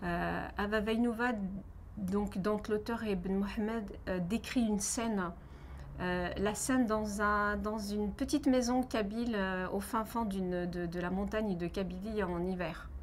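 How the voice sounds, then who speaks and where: A woman from Algeria, in her thirties, giving earnest personal testimony in an interview, pausing often with fillers and restarts. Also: medium pitch, steady tone, slight background noise.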